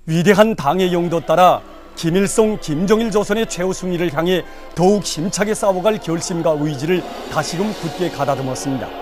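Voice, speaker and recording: A man's voice: high-pitched, a little fast, few pauses, music in the background. A man with a North Korean accent reading scripted news in a solemn, declamatory manner. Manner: declamatory, formal. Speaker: news announcer.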